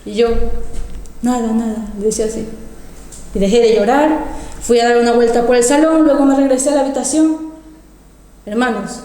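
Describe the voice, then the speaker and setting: A woman's voice: on the high side, a little fast, pauses often, dark tone. A woman preacher telling a personal testimony in a sermon, emotional, repeating phrases and calling out to the congregation. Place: church hall. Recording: echoey church hall. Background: congregation calling out amens.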